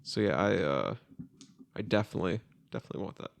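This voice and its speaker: A man's voice: low-pitched, lively intonation, fast, gravelly, a little hiss or hum. A young man co-hosting a podcast, chatting casually and rambling with fillers and laughter. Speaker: podcast co-host. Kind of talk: casual chat.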